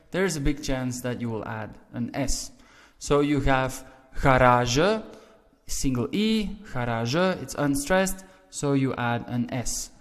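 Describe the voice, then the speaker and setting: A man's voice: medium pitch, long reverb tail. A man teaching a language lesson, explaining grammar rules patiently, repeating each example and checking in with "right?".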